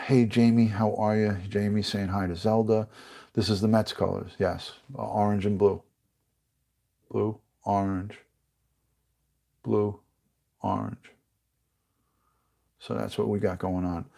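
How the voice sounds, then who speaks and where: Reading out viewer comments as he rambles through a casual livestream, a middle-aged American retired detective speaks in a stuffy, congested voice. It is a lowish male voice, creaky and warm.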